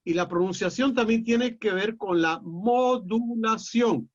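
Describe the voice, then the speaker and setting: A middle-aged man with a Peruvian accent lecturing a class in a measured, explanatory way, often pausing on "eh". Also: sits high. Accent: Peruvian Spanish. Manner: measured and explanatory, with frequent "eh" fillers and restarts. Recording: dull lo-fi audio.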